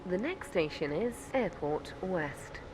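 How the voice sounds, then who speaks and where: A woman's voice giving formal, clipped onboard train station announcements over a loudspeaker. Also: fairly low pitch, expressive. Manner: measured, clipped, formal delivery. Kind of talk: automated transit announcements. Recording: game audio with train noise behind. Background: train running noise.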